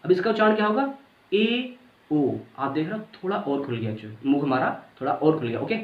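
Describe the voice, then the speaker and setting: This fast-talking man has a highish voice with big pitch swings as he casually teaches grammar, voicing the vowels himself. He goes over points more than once and makes sure students understand, heard through dull, lo-fi audio with room echo.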